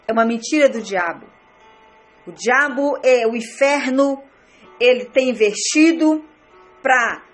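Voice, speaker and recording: A Brazilian woman pastor preaching an earnest sermon at an unhurried pace. Her voice sits high, and she keeps circling back to repeat her points to her beloved listeners. Faint music plays behind her. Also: fairly bright tone. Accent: Brazilian Portuguese.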